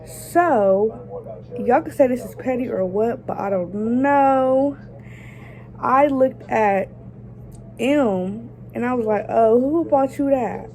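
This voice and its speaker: A woman with a raspy, just-woken-up voice tells a casual story to her viewers. Her tone is mellow and low-key, and she talks chattily and straight to the camera. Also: takes it slowly, pauses often, low-quality recording. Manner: chatty, addresses viewers directly. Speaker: vlogger.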